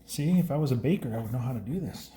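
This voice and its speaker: Fast and animated yet mellow, a medium-pitched male voice leads a laid-back cooking demonstration at home. He rambles, catches his own slip-ups with a little laugh, and the kitchen's echo and background noise are clearly heard.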